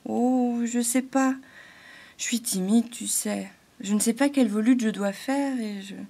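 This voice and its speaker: A woman's voice: fairly high pitch, unhurried, vocal fry, warm tone, pitched above the performer's own voice. A woman voicing a shy little thought-spirit. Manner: shy, hesitant, growing earnest. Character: timid little female thought-spirit, a glowing halo. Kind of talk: audiobook fairy-tale reading.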